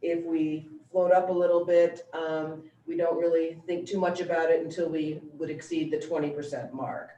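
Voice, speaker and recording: Even-toned woman presenting in an echoey room. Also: low-pitched, muffled recording. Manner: measured, explanatory, matter-of-fact. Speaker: school district finance presenter. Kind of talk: informal budget presentation. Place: meeting room, relayed over a video call. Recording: echoey room, distant mic, faint noise.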